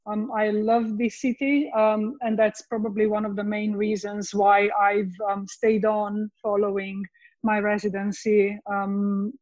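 A woman from Slovenia speaks English with a Slovenian accent in a dry, close-miked sound. Her voice sits at a middle pitch. She talks in a measured, thoughtful way, pausing often with soft ums as a podcast guest. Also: little pitch movement, no room sound, lo-fi sound. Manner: measured, hesitant with frequent ums. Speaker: guest, veterinary oncologist. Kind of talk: casual podcast chat. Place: living room at home.

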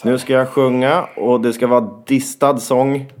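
A man in casual, joking chat while making a song in an apartment, his throat tired from shouting. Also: medium pitch, level tone. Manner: wry, joking. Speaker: songwriter.

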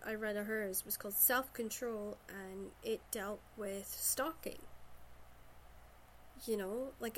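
A woman's voice: fairly high pitch, a little hiss or hum, rough recording. A woman from Shetland with a Shetland Scottish accent, chatting casually about books. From Shetland, Scotland.

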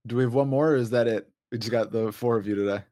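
A man's voice: mid-range voice, fast, warm tone, dry recording. A man hosting a casual podcast panel in an easygoing, self-deprecating way, with plenty of fillers. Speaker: podcast host.

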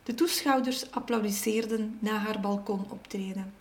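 A woman reading a children's story aloud in an expressive, measured way. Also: mid-range voice.

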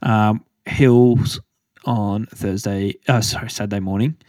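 A young man co-hosting a casual podcast, his voice sitting low. He rambles through a story, full of "like" and "um". The sound is close and dry, with no room around it. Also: fairly even intonation, slow pace, darkish tone, no echo. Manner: rambling storytelling with many fillers. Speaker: podcast co-host. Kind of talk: casual chat.

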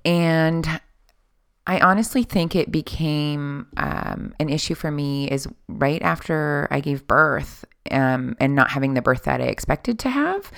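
A woman's voice: deep voice, unhurried, gravelly, a bit bright. A woman around forty, a doula and podcast guest, speaking with some hesitation. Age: 40s. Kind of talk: podcast interview.

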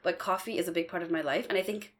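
Low-voiced woman podcast co-host. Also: quick pace. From Bangladesh. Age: 20s. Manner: friendly, relaxed, uses many fillers. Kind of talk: casual podcast chat.

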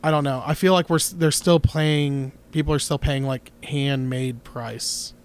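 A man's voice: fairly high pitch, steady tone, unhurried, clean tone. Rambling, opinionated male podcast host. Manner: rambling, opinionated, lots of restarts. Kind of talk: casual chat.

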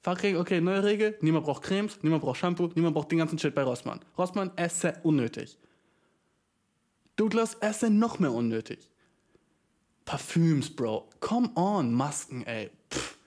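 A young man ranting casually and comically, full of slang and swearing, with English words mixed in and big jumps in pitch for emphasis. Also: animated, normal speed, darkish tone. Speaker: vlogger ranting to camera. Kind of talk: casual comedic rant.

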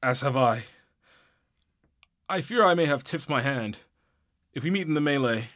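A man's voice: mid-range voice, lively intonation, normal speed, fairly bright tone, no echo, clean studio sound, close to an everyday voice. A man voicing a polite older knight who coaches sword practice in a student radio drama. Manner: polite, instructive. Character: older male knight, polite sparring mentor.

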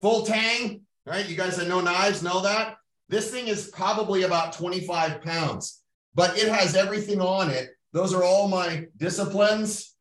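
A man's voice: high voice, a little slow, a bit bright. A middle-aged Canadian man hosting a podcast, talking bluntly and profanely in a motivational coaching tone. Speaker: podcast host. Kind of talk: motivational monologue. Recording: roomy sound, mic at a distance.

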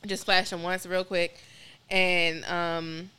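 A woman in her late twenties chatting on a podcast, telling candid stories. Her voice is bright and smooth, sitting a little low. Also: little pitch movement, slow. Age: 20s. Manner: laughing, candid storytelling. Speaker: podcast co-host. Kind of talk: casual chat.

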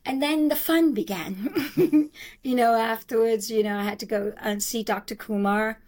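Middle-aged woman, kinda high voice, tells her story all animated, does the voices, laughs a lot. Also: normal speed. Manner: animated, acts out quotes, laughs often. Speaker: guest telling her survival story. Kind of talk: conversational storytelling.

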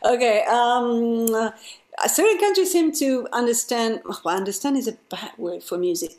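A woman's voice: a little high, lively intonation, normal speed, a little mellow, roomy sound. A woman musician from Europe, chatting casually as an interview guest and laughing easily.

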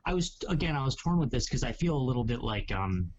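A man's voice: medium pitch, animated, quick pace, lo-fi sound, slight background noise. A man hosting a casual podcast chat, talking in rambling, hedging sentences full of asides. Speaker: podcast host.

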